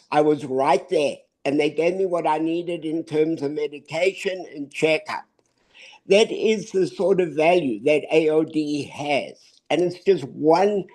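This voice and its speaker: A man with a voice affected by illness gives a measured, earnest public comment, posing pointed questions deliberately. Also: a little high, mellow. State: ill with covid, affected voice. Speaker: public commenter at a board meeting.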